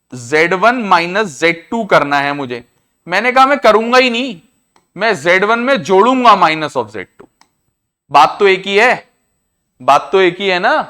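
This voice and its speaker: Man, Indian accent, maths lecture, high-pitched, repeats each step, talks straight to students. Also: a bit bright. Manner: repetitive, explains step by step, often says "I said". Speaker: maths teacher.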